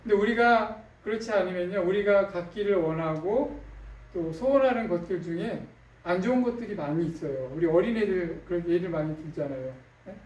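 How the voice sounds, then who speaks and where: A man's voice: high voice, darkish tone. Guy pastor preaching casual-like, lots of "you know?", kinda far off mic, echoey church. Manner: conversational preaching with frequent fillers and tag questions. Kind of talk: sermon. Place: church sanctuary. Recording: echoey room, distant mic.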